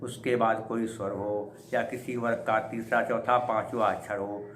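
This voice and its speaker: Man slowly explaining Sanskrit verse. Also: lowish voice, level tone, a bit bright. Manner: chants verse slowly, then explains quickly with rhetorical questions. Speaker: Sanskrit lecturer. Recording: echoey room with faint ambient noise.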